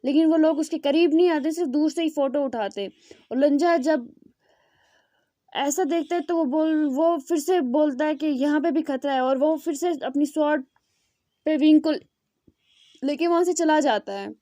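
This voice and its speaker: A young woman with a high but mellow voice, retelling a fan story in a loose, rambling way and often restarting her sentences. The sound is dry and close, with no room around it. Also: moderate pace, dry recording. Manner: loose spoken retelling with frequent fillers and restarts.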